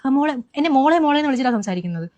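Rapid-talking young woman. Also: high-pitched, no echo. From Kerala, India. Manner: rapid, animated retelling with many restarts. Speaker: eyewitness recounting an incident. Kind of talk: first-person account.

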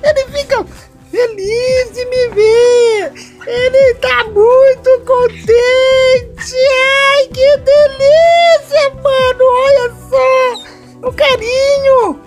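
A tiny toy doll with a Brazilian Portuguese accent, whose voice sits extremely high and squeaky. He drags his words out slowly in a whiny, tearful plea. Faint music plays behind him. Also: steady tone, heavily acted. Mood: giddy delighted. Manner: whiny, tearful pleading with frequent giggles. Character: squeaky little male toy doll, needy and eager for friends. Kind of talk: comic voice-over for a home video.

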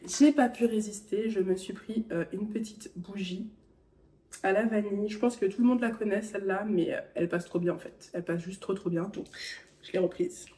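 A young woman talks casually to her viewers as a vlogger, addressing them directly and chattily. Her voice is soft and mellow, with a slightly breathy, husky edge. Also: medium pitch, moderate pace. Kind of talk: casual vlog chat. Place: at home.

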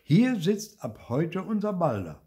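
A playful storybook dad, teasing and mock-regretful, lifted somewhat above the reader's own voice, as an older man puts him on. His tone is dark and warm, the delivery unhurried. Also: sits high, big pitch swings, voice pushed up. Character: playful, scheming father.

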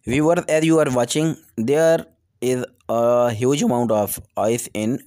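A man's voice: medium pitch, measured pace, dark tone, smooth. Pakistani-accented man giving repair instructions. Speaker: technical tutorial host.

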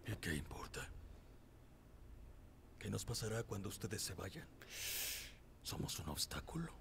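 A man voicing a despondent cartoon crocodile who feels worthless, in a hushed, bleak voice. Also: on the low side, big pitch swings, a little slow, creaky, in a whisper, exaggerated voice. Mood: despairing. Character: despondent crocodile game character, feeling worthless.

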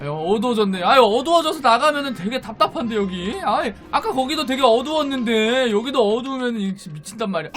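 A gaming creator giving let's-play commentary, excitable, yelping and shouting when startled and talking straight to viewers. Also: mid-range voice.

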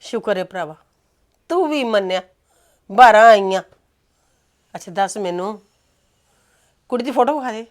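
An actress playing a sharp-tongued middle-aged mother in a family web drama, scolding and mocking her grown son with theatrical exclamations. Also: medium pitch, lively intonation, moderate pace, long pauses, natural voice.

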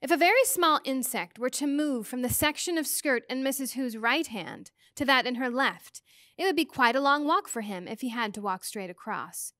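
Lady reading as a kind old wise star lady, patient and soothing, kinda high voice. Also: expressive, normal speed, no room sound, clean studio sound. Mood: gentle. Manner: gentle, patient and reassuring. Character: wise, kindly ancient female star being.

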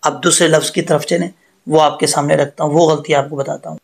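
A middle-aged man teaching Quran recitation, patiently explaining tajweed pronunciation step by step and often pausing to check in with his listeners. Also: a little high, flat delivery, creaky. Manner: repeats and corrects points as he goes.

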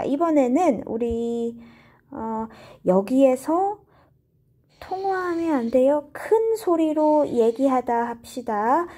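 A woman runs a Korean lesson, explaining each point in English and reading the dialogue lines slowly and deliberately. Her voice is mellow and fairly high, with an unhurried, patient pace. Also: slightly rough. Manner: plays both roles in short dialogue drills. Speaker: Korean language teacher. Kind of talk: slow bilingual lesson with repeat-after-me drills.

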